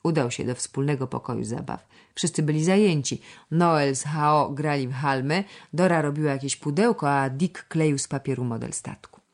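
A woman reading a children's novel aloud in a measured storytelling manner. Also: sits low. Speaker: audiobook narrator. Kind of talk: scripted narration of a children's novel.

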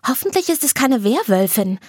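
A high, gushing teenage schoolgirl from a storybook, put on by a woman narrator, bouncing and eager. The voice is soft and breathy, close and dry with no room around it. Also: very animated, moderate pace, dry recording, full character voice. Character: bubbly fashion-loving teenage schoolgirl. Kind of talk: storybook read-aloud.

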